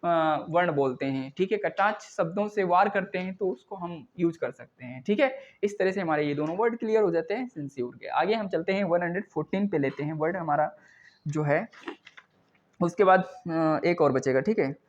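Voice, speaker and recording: A man's voice: high-pitched, moderate pace. Man teaching vocabulary, lo-fi. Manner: repeats words, frequent "thik hai" check-ins. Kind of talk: explaining English words in Hindi.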